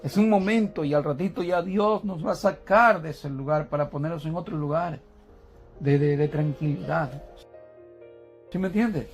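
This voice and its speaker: A man whose voice is on the high side preaches at a moderate pace, faint music playing behind him. Addressing the congregation as brothers, he asks them questions and often repeats and restarts words while teaching.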